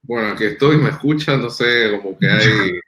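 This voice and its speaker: A man's voice: lowish voice, normal speed, sharp tone. A man moderating a video call, chatting casually about his connection.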